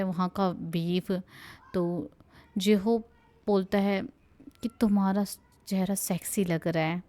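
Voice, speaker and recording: A young woman narrates a live stream, relaying each line to her viewers in a relaxed, chatty manner as she reads quotes aloud. Her mellow, middle-range voice keeps dissolving into giggles and side comments.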